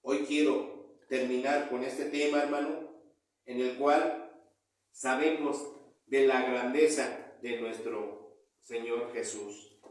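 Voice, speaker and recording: A man preaching a sermon, calling out to his listeners as brothers, his voice swelling loud then dropping low. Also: steady tone, slow, pauses often, distant mic. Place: church hall. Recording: echoey room, voice from off-mic.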